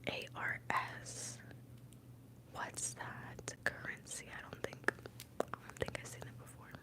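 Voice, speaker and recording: This young ASMR live streamer was born in Mexico, moved to the US when very young, and is a native Spanish speaker. She murmurs in a soft, breathy, unhurried whisper close to a highly sensitive mic, rambling and answering chat, and the recording is rough.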